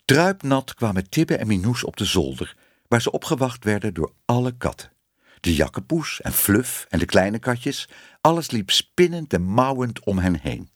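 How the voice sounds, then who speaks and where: A man reading a children's storybook aloud, expressive and varied. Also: medium pitch, moderate pace, dry recording, clean studio sound. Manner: expressive reading with many voiced figures. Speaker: audiobook narrator. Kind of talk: scripted storybook narration.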